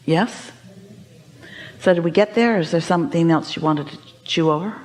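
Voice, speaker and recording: A woman's voice: on the low side, normal speed, darkish tone. A woman teaching a seminar audience, speaking as "we" and posing emphatic rhetorical questions. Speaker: inspirational speaker.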